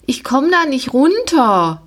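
A whiny, reluctant little girl, high and childlike, as a woman puts her on. It is a storybook reading, her lines complaining and squeaky. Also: very animated, slow, fairly bright tone, full character voice. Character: whiny, unwilling young girl.

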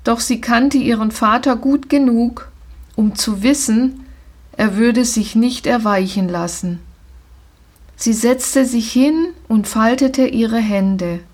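Slow, measured storybook reading by a woman. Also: fairly high pitch. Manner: calm, measured first-person telling. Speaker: audiobook reader. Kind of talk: storybook narration.

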